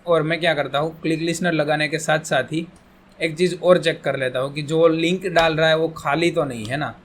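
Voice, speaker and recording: A man's voice: on the high side, fairly even intonation, normal speed, slight background noise. A man teaching a coding tutorial, explaining step by step in a casual, reassuring way and asking and answering his own questions. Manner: reassuring, casual, repeats "theek hai". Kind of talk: screen-recorded coding tutorial.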